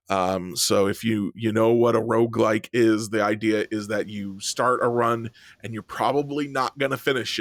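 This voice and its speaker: A man's voice: on the low side, dry recording, studio quality. A man co-hosting a sports podcast, explaining things in a rambling casual way with many ums and restarts. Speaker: podcast co-host. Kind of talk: casual chat.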